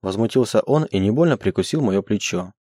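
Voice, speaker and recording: A man reading a romance audiobook as first-person narration, in a measured, expressive way. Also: fairly low pitch, husky, dry recording, clean studio sound. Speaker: audiobook reader.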